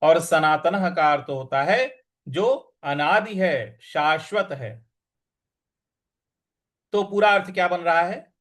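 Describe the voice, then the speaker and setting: A man teaching Sanskrit recitation, chanting verses slowly and drawn out, then explaining patiently and briskly. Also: on the high side, animated, a bit bright. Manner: patient, instructive. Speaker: scripture teacher.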